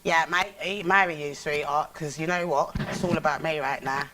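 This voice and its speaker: A woman's voice: deep voice, normal speed, a bit bright. A woman voicing a brash, confrontational Cockney woman who demands a ring from her partner.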